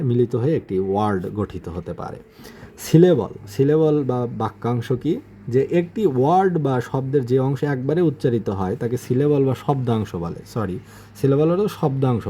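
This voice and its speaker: A male teacher works through basic grammar definitions one at a time. His voice is very dark and slightly husky, and he rephrases each point in plainer words. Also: medium pitch. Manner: defines each term, then restates it in simpler words. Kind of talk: explanatory lesson.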